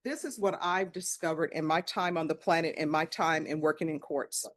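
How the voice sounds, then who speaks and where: Firm, measured woman judge. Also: deep voice. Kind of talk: courtroom proceedings. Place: courtroom.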